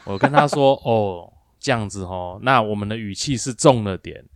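A man, co-hosting a talk show and telling a workplace story in a lively, animated way, acting out both sides of an argument. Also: fairly low pitch, normal speed, no room sound, clean studio sound. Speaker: co-host of a speaking-skills livestream. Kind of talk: casual storytelling chat.

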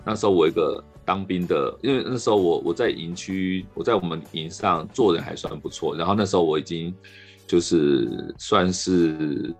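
A man with a Taiwanese Mandarin accent hosting a podcast, telling a rambling, animated story in casual chat. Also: low voice, normal speed, soft background music. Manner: rambling, animated anecdote with restarts. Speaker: podcast host.

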